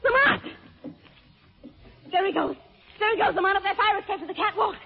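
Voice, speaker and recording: A woman's voice: extremely high pitch, brisk, vocal fry, in a large hall. An actress playing an anxious but plucky lady companion to a detective, dramatic, in old-time radio mystery style. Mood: alarmed. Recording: muffled old radio recording.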